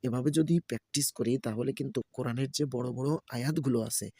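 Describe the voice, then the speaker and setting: A man teaching a recorded tajweed lesson, spelling out sounds slowly letter by letter in a patient, repetitive drill. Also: medium pitch, a little mellow, slightly rough, no room sound, clean studio sound.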